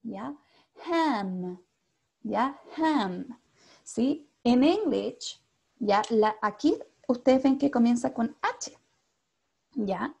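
A high-voiced Chilean woman teaches over a video call, speaking slowly and patiently. Her voice has a gravelly, husky edge. She keeps checking in with her pupils and slips English into her Spanish. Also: animated, a little mellow. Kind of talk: online class teaching.

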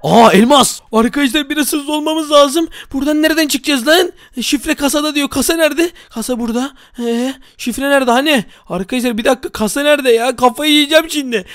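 A young man giving excitable running commentary on a game, often calling out to his viewers. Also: very high voice, quick pace, hardly any pauses, no room sound, clean studio sound. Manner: excitable, addresses viewers, frequent exclamations. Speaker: gaming YouTuber.

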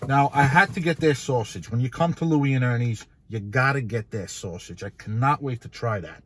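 A man's voice: medium pitch, normal speed, breathy edge. A man hosting a casual food review vlog, talking about pizza with enthusiasm and repeating his phrases for emphasis.

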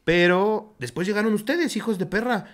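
A man's voice: sits high, moderate pace, a crowd in the background. A young adult man with a Mexican accent co-hosting a casual comedic chat, crude and joking and full of swearing. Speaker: podcast co-host.

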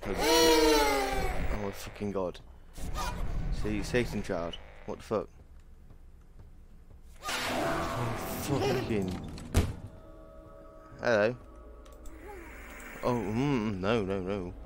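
Over loud music, a man with a fairly low voice streams a horror game, talking slowly and pausing often. He is a gaming streamer doing let's-play commentary, reacting jumpily and swearing constantly as he plays.

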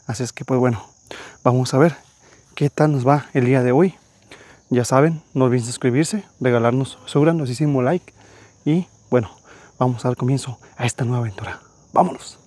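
A young man narrating his treasure hunt outdoors, eagerly talking to his viewers as friends, with a husky voice. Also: medium pitch, moderate pace, darkish tone, dry recording. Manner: enthusiastic, addresses viewers as friends. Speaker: treasure-hunting vlogger. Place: wooded hillside outdoors. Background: crickets and insects.

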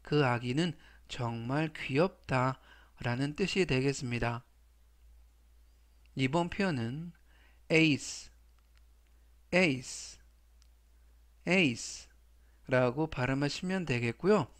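A man's voice: medium pitch, slow pace. A man teaching English vocabulary to Korean learners, who is a native Korean speaker. He explains each word politely and formally, then repeats it three times. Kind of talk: slow, deliberate vocabulary lesson.

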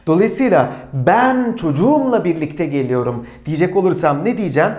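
A man giving a slow, deliberate grammar lesson and putting questions to his students. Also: fairly high pitch, darkish tone, roomy sound. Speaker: German teacher. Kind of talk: classroom-style grammar lesson.

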